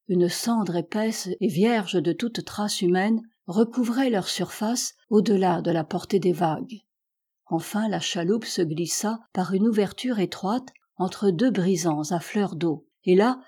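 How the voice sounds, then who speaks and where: A woman reads a literary audiobook in a measured, steady manner. Her voice is mellow and dark-toned, with a soft husky edge. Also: medium pitch. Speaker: audiobook reader.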